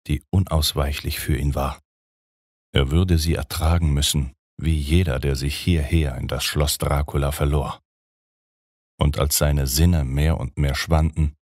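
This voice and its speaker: A man narrating a gothic audiobook in a dramatic, measured storytelling manner. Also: extremely low pitch, a little mellow, no echo, studio quality.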